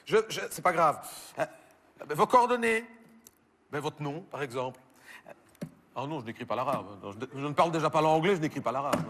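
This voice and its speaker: Belgian comedian guy, high voice, stammery and bemused on a fake phone call, big hall echo. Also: animated, a little fast, long pauses, a bit bright, a little hiss or hum. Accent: Belgian French. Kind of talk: stand-up phone sketch. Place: theater stage with audience.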